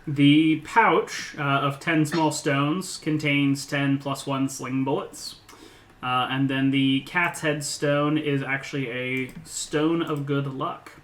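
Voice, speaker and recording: Male game master, casual halting narration, bright tone, echoey room. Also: a little high, steady tone. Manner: halting delivery. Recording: roomy, faint background noise.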